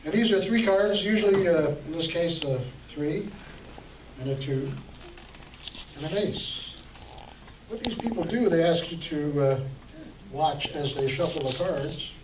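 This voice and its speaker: A man with a fairly high, expressive voice emcees a church talent show, performing a card trick while joking with the live audience. His pace is unhurried and he pauses often. A distant mic catches the roomy hall and noticeable noise.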